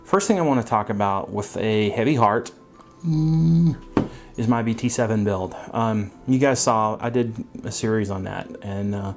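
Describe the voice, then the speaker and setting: A man giving a casual update on his scale model hobby channel, talking in a relaxed, rambling way with lots of ums and uhs from his workbench. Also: on the low side, moderate pace, creaky, music in the background.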